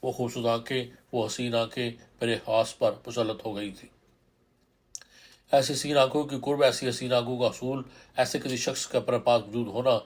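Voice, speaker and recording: Guy reading a scary novel out loud, first person, moody and thoughtful. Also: mid-range voice. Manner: brooding first-person storytelling. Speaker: narrator. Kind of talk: scripted horror novel narration.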